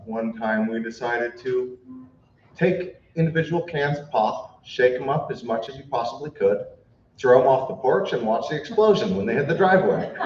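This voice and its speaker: A man's voice: mid-range voice, a little hiss or hum. A young man giving a memorial speech, telling childhood stories with light humor, then reading a passage earnestly, sometimes stumbling over words. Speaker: eulogist at a memorial. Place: memorial service hall. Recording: echoey, distant, dull room recording.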